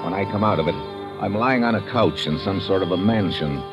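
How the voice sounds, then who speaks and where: In a mid-century radio drama, an actor with a low, fairly quick voice close to his everyday speech plays a wisecracking American adventurer narrating his own story in first person. The tense, wry narration is sardonic and slangy, in 1940s-50s radio adventure style. The old recording sounds dull, with loud music.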